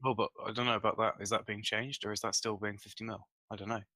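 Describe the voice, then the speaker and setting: A man's voice: on the low side, little pitch movement, fast, sharp tone, no room sound. A man giving his opinions in a casual gaming discussion as a podcast panelist.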